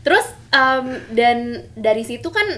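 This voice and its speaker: A young woman, chatting as a guest on a podcast, animated and slangy, mixing in English words. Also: sits high, measured pace. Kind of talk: casual podcast chat.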